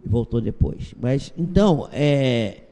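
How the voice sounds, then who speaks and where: A Brazilian man talks as a guest in a calm spiritual interview. His voice is very dark and gravelly. He tells stories and acts out their dialogue, with a long reverb trailing behind him. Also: mid-range voice, takes it slowly. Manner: storytelling, acts out dialogue from anecdotes.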